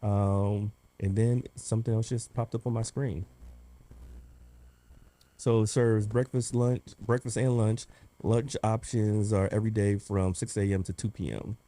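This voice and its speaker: A man co-hosting a casual talk show. His voice is low and very dark. He jokes with his co-hosts, then lays out his points in earnest. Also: fairly even intonation, a little slow. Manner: teasing, then earnest when explaining. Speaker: podcast host, real estate agent. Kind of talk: casual group chat.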